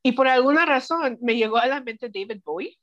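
This woman speaks a little fast in a higher register, and the audio has its highs cut off. She's a psychic guest with a Mexican Spanish accent, chatting casually and telling anecdotes. She often slips English phrases into her Spanish and acts out the quotes with animation.

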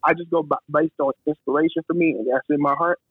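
A man telling his story over a phone-like line, his slightly high, husky voice jumping up whenever he acts out what others said. The sound is dry and narrow, with no room around it. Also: fast, no echo. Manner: animated, acts out quoted dialogue. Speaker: photographer, guest. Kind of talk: casual storytelling.

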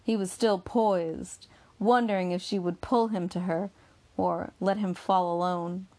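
A woman reading a novel aloud in measured, steady audiobook narration. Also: fairly low pitch.

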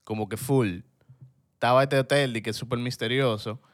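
A smooth, resonant male voice with a Dominican accent and a medium pitch. He hosts a casual movie podcast, speaking colloquially and mixing in slang and English words. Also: steady tone, normal speed. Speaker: podcast host. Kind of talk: casual film podcast chat.

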